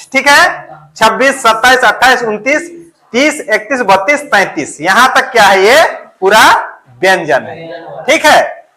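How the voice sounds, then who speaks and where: A male teacher with a very high voice gives a grammar lesson and says each letter slowly. His tone is bright and forceful. He keeps asking the class questions, then answers them himself. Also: rough recording. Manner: keeps checking in with "okay".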